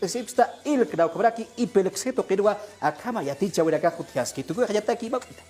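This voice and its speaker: High-voiced man co-hosting aymara lesson. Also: expressive, fairly quick, a little mellow. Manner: brief acknowledgments and announcements, mostly in Aymara. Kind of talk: televised language lesson.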